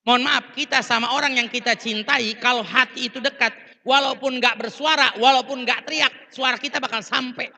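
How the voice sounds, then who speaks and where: High, bright-voiced preacher. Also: male voice, fairly even intonation, a little fast, vocal fry. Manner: storytelling, acting out quoted dialogue; addresses audience directly, apologetic asides. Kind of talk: Islamic sermon at a Maulid event. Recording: reverberant hall PA sound.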